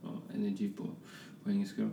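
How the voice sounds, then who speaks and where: A man's voice: lowish voice, monotone, noisy background. A man from Colombia, a fashion designer guest, chatting casually with lots of fillers and restarts. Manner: rambling, many fillers and restarts. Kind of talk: casual interview chat. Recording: roomy echo, distant from mic.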